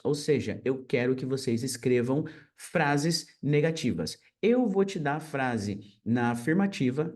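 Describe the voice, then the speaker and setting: A man from Brazil teaching an online English lesson. He explains in Portuguese and reads English example sentences slowly and deliberately. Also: on the high side, darkish tone.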